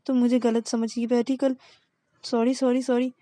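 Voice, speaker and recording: A woman's voice: a little high, flat delivery, normal speed, dark tone, dry recording, pitched above the performer's own voice, close to an everyday voice. A woman voicing a young woman who pleads and apologizes, stammering and repeating words. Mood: pleading.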